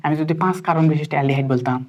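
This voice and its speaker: A woman, teaching chemistry at a brisk clip. She quizzes her student line by line, coaxing answers and checking again and again that it has sunk in. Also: low-pitched, a little mellow. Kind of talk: interactive tutoring lesson.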